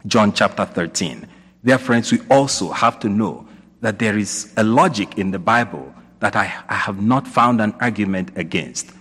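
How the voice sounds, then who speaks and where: An expressive priest with a voice on the low side, fairly bright and breathy, preaches at a moderate pace. He poses questions that rise in pitch and repeats his points for emphasis, all of it ringing with the long echo of a large church.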